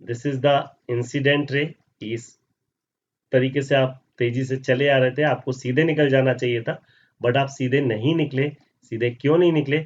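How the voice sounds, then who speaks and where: A man's voice: mid-range voice, fairly even intonation, measured pace. A male science teacher explaining a lesson, often asking questions and answering them himself and calling students "beta". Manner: mixes Hindi with English terms. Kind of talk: classroom lesson explaining over slides. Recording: slightly dull audio.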